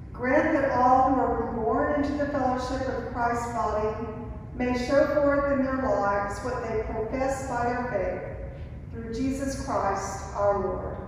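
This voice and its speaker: A woman leading liturgical prayers in a measured, solemn way, recorded in a large church with cathedral echo. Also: high voice, a little hiss or hum. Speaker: presiding minister leading prayers.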